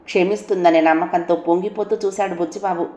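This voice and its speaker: A woman's voice: lowish voice, fairly even intonation, fast talker, warm tone. Woman storyteller with a roomy sound. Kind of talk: audiobook story narration.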